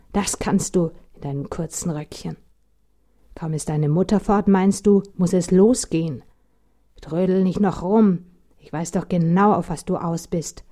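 Eine Frau, die einen bedrohlichen, groben hinkenden Mann mittleren Alters spricht, laut und scheltend, mit gesenkter Stimme. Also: female voice, fairly low pitch. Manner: harsh, scolding, loud. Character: abusive limping middle-aged man, menacing and coarse.

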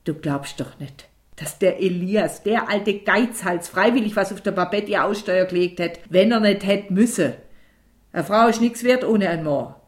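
A woman's voice: low voice, lively intonation, a little fast, hardly any pauses. A woman reading an audiobook and voicing a bitter, weary rural mother who scolds sharply. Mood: bitter scolding. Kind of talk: audiobook character voice.

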